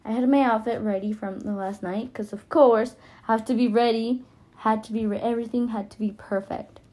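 This podcast host is a high school freshman whose native language is Spanish, and it shows in her accent. She speaks fairly quickly in a slightly high, warm voice with a steady tone, rambling along casually, hesitant and self-conscious.

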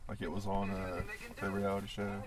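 A man's voice: low voice, completely flat delivery, normal speed, far from the mic, a crowd in the background. A man in casual chat who makes crude jokes. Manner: crude joking interjections.

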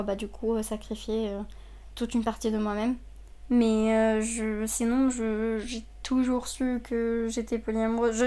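A woman in her twenties, born to Lebanese parents and raised in Saudi Arabia, gives a personal testimony as an interviewee. Her voice is on the high side and mellow, and she speaks hesitantly with many fillers and restarts.

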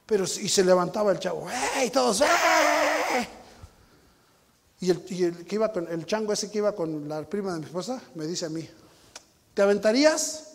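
A high-pitched, gravelly Mexican preacher telling a story to his congregation, acting out sounds and rising to shouts. His voice rings with the long reverb of a large hall. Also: quick pace, few pauses, a little hiss or hum. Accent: Mexican Spanish. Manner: animated storytelling, sound effects, shouting climaxes. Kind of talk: sermon with personal anecdote.

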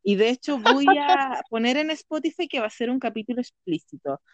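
Chilean woman podcast co-host, high bright voice, giggly and teasing, dry close sound. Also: animated, fairly quick, no echo, dull audio. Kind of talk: casual chat.

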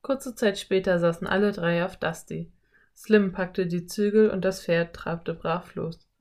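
A woman reading a children's story as narrator in an even storytelling manner. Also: on the low side, measured pace. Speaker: audiobook narrator. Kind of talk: scripted narration.

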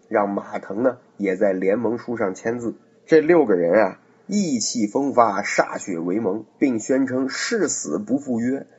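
Husky-voiced man telling a story. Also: on the low side, darkish tone. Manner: chatty, with asides to the listener. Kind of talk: casual storytelling narration. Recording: dull lo-fi recording.

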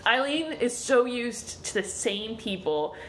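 A woman playing a tabletop game, chatting in an excited, casual way. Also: on the high side, slow pace, slight background noise. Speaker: player. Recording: roomy recording with a crowd behind.

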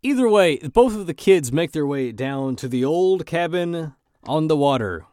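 A man's voice: a little high, lively intonation, measured pace, a little mellow, no echo, studio quality. A man co-hosting a podcast, casually narrating an episode recap with wry jokes. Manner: wry, joking. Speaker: podcast co-host.

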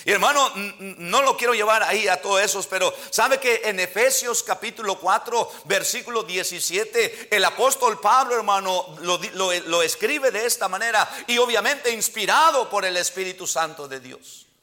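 A man preaching an emphatic sermon in church, often calling his listeners brother and reading scripture aloud with slow stress. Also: sits high, sharp tone. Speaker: pastor.

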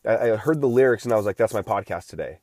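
A man in his late thirties talks alone into the mic in a loose, rambling way, circling back and restarting his sentences. His voice sits low, and the recording is dry with no room sound. He has been unwell lately but keeps talking. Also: lively intonation, fast talker, darkish tone, dry recording. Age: 30s. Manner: rambling, with many restarts and filler words. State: recovering from feeling unwell. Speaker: podcast host. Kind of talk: casual solo podcast monologue.

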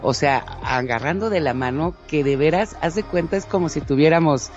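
A woman's voice: deep voice, moderate pace. A woman chatting casually, telling a personal story with laughter and acted-out quotes. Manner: animated, laughs often, acts out quoted lines. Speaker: guest sharing a story. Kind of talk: casual chat. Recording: slightly dull lo-fi audio, faint music.

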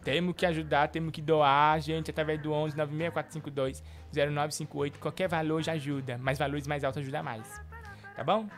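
A man's voice: a little high, fairly quick, soft background music. A man hosting a live comedy show, joking around and doing hyped-up ad reads. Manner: jokey, animated hype-man ad reads.

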